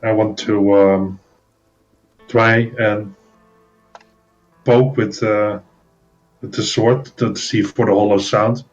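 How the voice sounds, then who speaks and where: A man's voice: fairly low pitch, level tone, takes it slowly, pauses often, faint music behind. A man from the United States chatting and joking casually as a player in a tabletop game. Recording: slightly dull, lo-fi sound.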